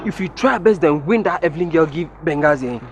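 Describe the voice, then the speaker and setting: A man's voice: on the high side, fast. A young actor with a Ghanaian Pidgin accent playing a man plotting with a friend to win a girl. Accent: Ghanaian Pidgin English. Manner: excited banter in Ghanaian Pidgin. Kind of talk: Ghanaian movie acting. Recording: film audio with music behind.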